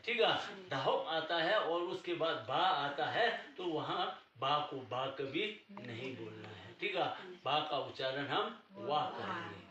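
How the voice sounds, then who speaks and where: A man's voice: fairly high pitch, a bit bright, lo-fi sound. A man teaching a language class, patiently explaining pronunciation rules and checking often that his student follows. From Tibetan community. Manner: patient, repeats "ठीक है" to check understanding. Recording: echoey room, mic far off.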